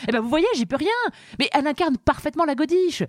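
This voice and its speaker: A woman hosting a comic monologue about the origins of insults, talking in a lively, playful, self-mocking way. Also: sits high, fast, no echo, clean studio sound. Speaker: host.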